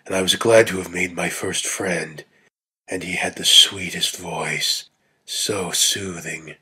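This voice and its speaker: A man giving a dramatic scripted narration of a story, in a measured delivery with deliberate pauses. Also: deep voice, bright, forceful tone, slightly rough, rough recording. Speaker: reader of a dramatic reading.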